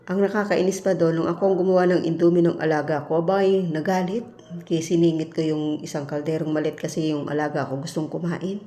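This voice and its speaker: A woman from the Philippines, a domestic worker abroad, telling a story bluntly in a casual vlog and acting out the arguments she quotes. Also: fairly low pitch. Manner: blunt, animated retelling with quoted exchanges. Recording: echoey room.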